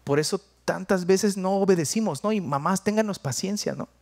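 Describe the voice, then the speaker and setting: A young Mexican man with a Jalisco accent, preaching a sermon in a conversational, playful way, dropping to quiet asides. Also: high voice, a little fast, creaky.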